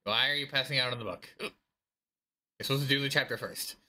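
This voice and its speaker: A man's voice: mid-range voice, quick pace, sharp tone. A man doing let's play commentary on a horror game, talking to himself in a wry, joking way while he has the hiccups. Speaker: VTuber streamer.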